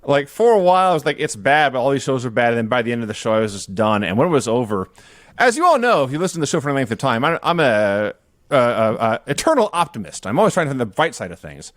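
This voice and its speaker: A man's voice: mid-range voice, quick pace, no echo. A man hosts a casual chat show and tells stories with a lot of movement in his voice. He pokes fun at himself as he goes. The sound is dry and close, with no room around it. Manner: animated, self-mocking storyteller. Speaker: podcast host. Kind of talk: casual chat recapping old wrestling shows.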